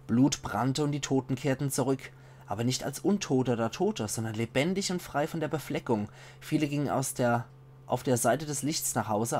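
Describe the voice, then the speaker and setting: A man with a Palatinate German accent, reading a game's book texts aloud in a measured voice and adding casual asides. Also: medium pitch, a little mellow. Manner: measured reading voice, slows for foreign titles. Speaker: let's play commentator.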